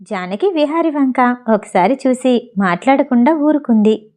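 Female audiobook narrator, slightly high, warm mellow voice, plain storytelling read. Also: animated, measured pace. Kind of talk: reading a novel aloud.

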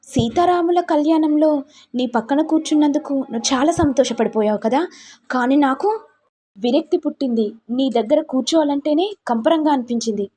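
A meek young wife, devoted and heartbroken, voiced by a woman narrator. Her high voice is husky and soft-edged, with a dark, mellow tone, in a spoken family drama retelling. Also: fairly even intonation, moderate pace. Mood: hurt. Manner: pleading, sorrowful.

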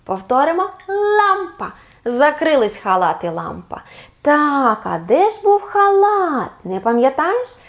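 A woman leads a child through a speech lesson in a high, bright voice that swoops up and down. She talks slowly and stretches out each target word for the child to repeat, then adds gentle praise. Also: big pitch swings. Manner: slow, drawn-out words for the child to repeat; gently coaxing, sing-song praise. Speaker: speech therapist.

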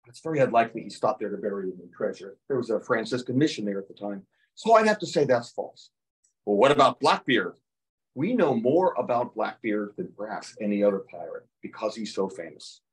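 Lively older man lecturing on history. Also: on the low side, a little fast. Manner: lively storytelling, acts out quotes in playful voices. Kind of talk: museum lecture with slides. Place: museum lecture room. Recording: voice heard from a distance.

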